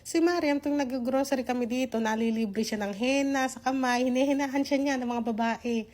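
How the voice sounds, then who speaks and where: A woman from the Philippines narrates her day in a loose, chatty vlog style. She breaks easily into laughter, and her voice sits a little high. She talks from inside a car. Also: brisk, darkish tone. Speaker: vlogger.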